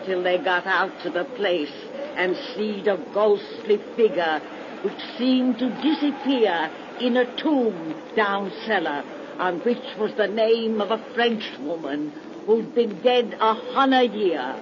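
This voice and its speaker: A woman's voice: medium pitch, animated, takes it slowly, muffled recording. An actress playing a gleefully macabre old American witch who tells horror tales in folksy rustic dialect, in 1930s radio style. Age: older. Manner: folksy rustic dialect, cackling, relishing the gruesome. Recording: noisy, band-limited 1930s radio recording.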